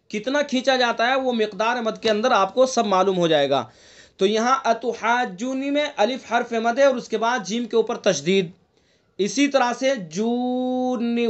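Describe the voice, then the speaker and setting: A high-pitched man leads an online tajweed lesson as a Quran recitation teacher. He talks patiently, repeats each rule, quizzes his students and stretches out the recited examples. His voice comes through muffled, lo-fi video call audio. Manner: draws out recited examples slowly.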